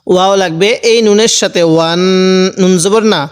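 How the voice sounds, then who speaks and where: A man teaches Quran recitation in a high, smooth and resonant voice, breaking each word into its letters and vowel marks. He goes step by step and patiently repeats every rule. His voice carries a long hall reverb. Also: steady tone. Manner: slow, repetitive, patient step-by-step drilling. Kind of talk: spelling-out recitation lesson.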